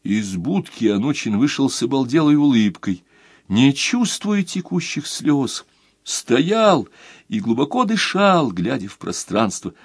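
A man reading an audiobook slowly, with lively, animated intonation. The recording is dry and close. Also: mid-range voice, breathy edge, dry recording. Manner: measured, expressive storytelling. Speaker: audiobook narrator. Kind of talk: scripted narration.

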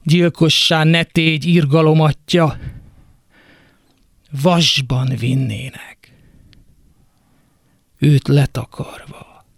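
A man with a somewhat high, gravelly voice gives a dramatic poetry recitation. He drops to low whispers and then pushes his lines out with intensity, close and dry in a radio studio. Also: fairly even intonation, long pauses, dry recording. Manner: shifts between low whispers and raised, intense passages.

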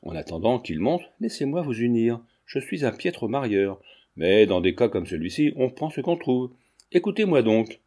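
A man reading a breezy young man, jocular and offhand, dark mellow tone. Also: mid-range voice, sing-song, moderate pace, slightly rough. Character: breezy young man, wry joking friend.

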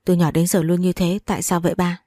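A woman's voice: on the low side, little pitch movement, fast, mellow, no echo, clean studio sound, natural voice. A woman reading as a tearful pleading daughter. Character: tearful young woman pleading with her father.

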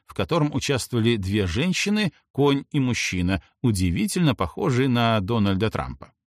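A young man narrates a novel in first person, swinging his pitch widely from line to line with ironic flair. The recording is close and completely dry, without room sound. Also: no echo. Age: young adult. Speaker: audiobook narrator.

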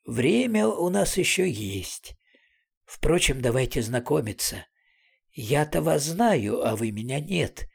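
A man voicing a stout, ruddy, grey-haired older doctor with a pleasant velvety voice, unhurried and amused. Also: a little high, big pitch swings, vocal fry, darkish tone, husky, exaggerated voice. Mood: genial.

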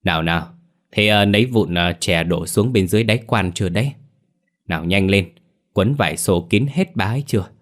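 A man's voice: low voice, a little fast, close to an everyday voice. A man voicing an old clan elder who is bossy but stammers and hesitates.

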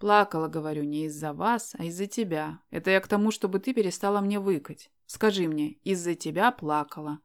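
A woman's voice: on the low side, brisk, hardly any pauses, close to an everyday voice. A woman voicing a brash young man, teasing and pushy. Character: young man, brash and self-assured suitor.

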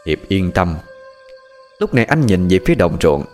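A man narrating a ghost story in a lively, expressive way. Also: low-pitched, moderate pace. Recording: faint music and night crickets behind.

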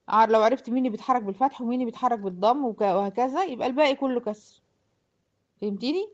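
This lo-fi clip has a woman with an Egyptian accent teaching Quran recitation to girls, her voice on the high side and a little mellow. She breaks the explanation into steps and keeps checking whether the class is following.

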